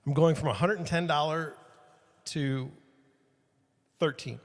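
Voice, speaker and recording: On a livestream, a podcast host changes out his microphone mount while rambling to viewers and joking about himself. His voice is on the high side and unhurried, echoing as if in a large hall, through a studio mic with fluctuating levels.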